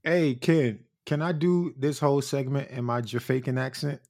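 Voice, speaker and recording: Joking, slangy podcast host. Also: male voice, medium pitch, normal speed, gravelly, a little mellow, slight background noise. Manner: joking, laughs often, slangy. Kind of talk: casual chat.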